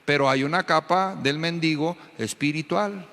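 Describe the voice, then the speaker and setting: A man's voice: on the high side, normal speed, creaky, a bit bright. A Mexican man preaching a fervent sermon as pastor, often asking his congregation questions. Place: church hall. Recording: echoey church hall.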